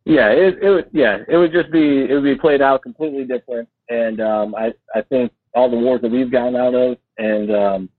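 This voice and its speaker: A man from Detroit calling in on speakerphone to a radio show, talking haltingly with many fillers and restarts. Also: mid-range voice, steady tone, dry recording. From Detroit, United States. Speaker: caller. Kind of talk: call-in radio chat. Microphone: phone on speakerphone. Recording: tinny phone line on speakerphone.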